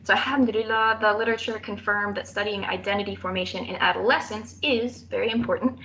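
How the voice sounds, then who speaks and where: A woman's voice: medium pitch, fairly even intonation, quick pace, pushed and bright, muffled recording. A young adult woman delivers a prepared thesis defense in a mid-range voice. Her delivery is formal and careful, with occasional hesitations. There is some background noise on the recording. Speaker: student presenter defending a thesis. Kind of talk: prepared academic presentation.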